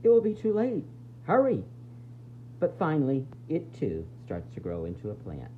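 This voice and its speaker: Acting as a preschool teacher, a man reads a picture book aloud expressively, explaining things straight to young children. His voice is slightly high at a moderate pace, and the recording sounds tinny and phone-like with faint noise.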